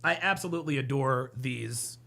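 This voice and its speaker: A man's voice: mid-range voice, moderate pace, creaky, bright, forceful tone. A man hosting a live-stream reaction show, reading chat messages aloud and joking.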